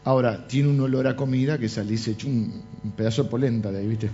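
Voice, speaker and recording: Speaking fast at medium pitch, a middle-aged man with a Rioplatense accent preaches in church through lively, humorous storytelling laced with jokes and asides. Faint music plays beneath the dull, lo-fi recording.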